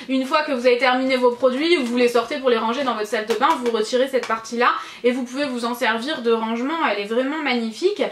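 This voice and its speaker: A woman with a high voice chats through a beauty haul, gushing over every box and filling gaps with little hesitations. She corrects herself often and keeps it casual. The room around her rings with echo. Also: a bit bright, slight background noise. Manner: chatty, gushing, many fillers and self-corrections. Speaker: beauty vlogger. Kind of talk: casual product review.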